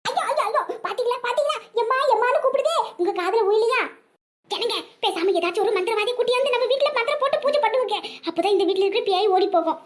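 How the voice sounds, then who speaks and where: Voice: extremely high pitch, expressive, fast talker. A performer voicing a panicky village mother in a cartoon comedy, speaking with a Kanyakumari Tamil accent in a piercing, frantic voice. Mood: insistent.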